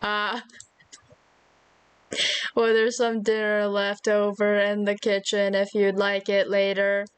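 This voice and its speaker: A hesitant, caring young woman in a visual novel, read by a woman streamer. She speaks slowly and flatly, almost like a robot, a little lower than the streamer's own voice. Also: clean tone, close to an everyday voice. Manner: flat, slow robotic delivery.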